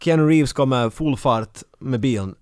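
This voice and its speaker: A male podcast co-host from Finland, retelling a film scene and his own stories in lively casual chat. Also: medium pitch, clean tone, no echo, studio quality. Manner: animated storyteller, recaps the film.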